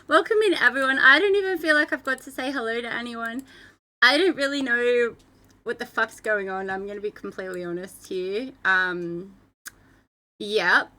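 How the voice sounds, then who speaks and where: A young Australian woman chats casually on a livestream from a downstairs room at home, rambling and swearing, laughing a lot and nearly crying. Her voice is fairly high and bright with a pushed quality, at a moderate pace.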